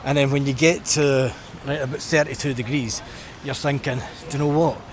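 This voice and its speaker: This vlogger, a middle-aged man from Scotland, chats in a relaxed, thoughtful way while strolling a crowded seafront. He talks at a moderate pace in a medium pitch with fairly even intonation. The clip is noisy, picking up traffic and street sounds outdoors.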